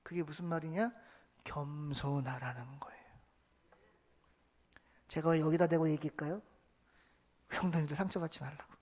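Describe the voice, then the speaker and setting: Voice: mid-range voice, fairly even intonation, fast, darkish tone. A pastor preaching a sermon in a church, emphatic and colloquial, full of rhetorical questions. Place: church sanctuary.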